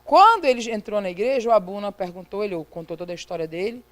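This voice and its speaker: A woman's voice: medium pitch, lively intonation, fast talker, low-quality recording. A middle-aged woman with a Brazilian Portuguese accent, preaching in a church as a missionary and telling a story by acting out the dialogue. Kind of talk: storytelling sermon testimony. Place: church sanctuary.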